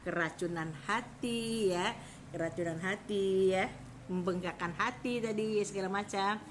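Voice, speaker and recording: On a live stream, a middle-aged woman chats loosely about food before moving on to sell her viewers a herbal product. There's slight background noise.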